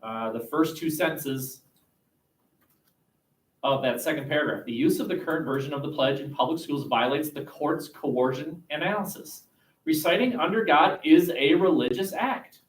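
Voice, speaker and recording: A man teaching a high school class, dictating word by word with punctuation spelled out and repeating his instructions. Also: normal speed. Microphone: distant webcam microphone. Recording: echoey classroom, distant webcam microphone.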